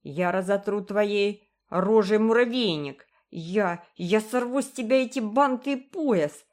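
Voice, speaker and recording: Lady reading as a hot-headed little boy yelling threats, loud and cross. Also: fairly low pitch, animated, unhurried. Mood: furious. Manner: shouting threats. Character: furious, threatening young boy.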